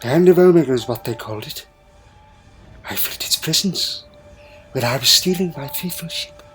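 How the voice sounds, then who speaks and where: A man's voice: mid-range voice, animated, moderate pace, natural voice. A man playing a crotchety, secretive old alien grandfather in a fan audio drama, with hesitant muttering, hums and pompous phrasing. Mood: grave, regretful. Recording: music laid under the voice.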